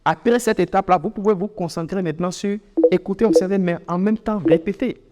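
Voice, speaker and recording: Animated African French man teaching, with reverb. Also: high-pitched, brisk. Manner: animated, repeats words for emphasis, many fillers. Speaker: English teacher. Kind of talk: informal spoken lesson.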